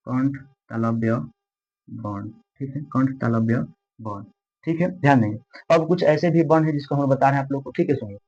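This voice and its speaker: A male teacher walks students through a grammar lesson. He repeats each term slowly and quizzes the class as he goes, at a middling pitch. The recording sounds dull and lo-fi. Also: a little mellow. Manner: repetitive, drills terms slowly.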